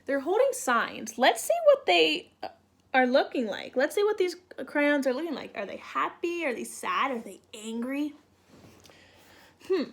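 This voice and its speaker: A children's read-aloud teacher introduces and reads a picture book to young children, using simple, question-led, child-directed speech. Her voice is high-pitched, sing-song and unhurried.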